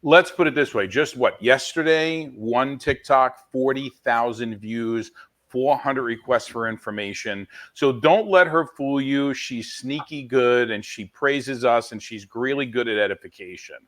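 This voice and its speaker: A man's voice: mid-range voice, unhurried, fairly bright tone. A man co-hosting a webinar, speaking emphatically in punchy phrases. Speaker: co-host. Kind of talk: casual webinar talk.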